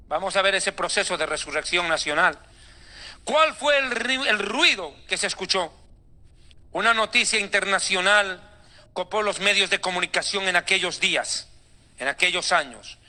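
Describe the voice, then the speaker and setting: A male preacher delivers a dramatic, sarcastic sermon. His voice sits high and rings with a very bright, forceful edge. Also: lively intonation, normal speed.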